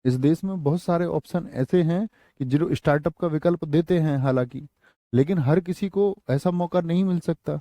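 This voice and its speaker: A man teaching an online exam-prep class in Hindi with a North Indian accent. His voice sits high but has a mellow, dry tone, close and free of room sound. He drills each line slowly and repeats it, then drops into chatty asides to his students. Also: no room sound. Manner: slow, repeats phrases for dictation; addresses students with casual asides.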